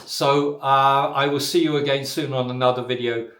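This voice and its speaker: A man teaching a spoken English lesson, talking deliberately with exaggerated rising and falling intonation and frequent "uh" and "so" fillers. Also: medium pitch, fairly even intonation, fairly bright tone, reverberant.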